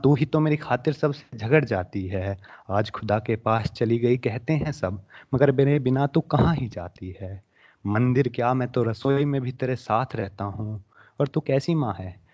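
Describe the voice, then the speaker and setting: A young man reciting his own emotional poem at a student poetry competition, his voice swelling with feeling and then dropping to soft, hushed passages. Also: mid-range voice, moderate pace. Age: young adult. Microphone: online webinar microphone. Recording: dull lo-fi webinar audio.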